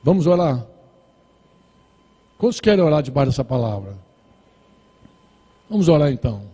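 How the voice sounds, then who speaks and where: A man's voice: mid-range voice, sing-song, moderate pace, warm tone, husky. A male pastor preaching a sermon, exhorting and repeating phrases, acting out little dialogues with the congregation. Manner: exhorting, repetitive, acts out dialogues. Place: church. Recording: reverberant church hall.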